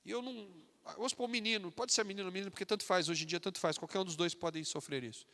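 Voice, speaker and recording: A man with a São Paulo Brazilian accent preaching a sermon to a church, animated and emphatic, slipping into mocking voices. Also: high-pitched, very fast. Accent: Brazilian Portuguese, São Paulo. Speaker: pastor. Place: church hall. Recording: long church hall reverb.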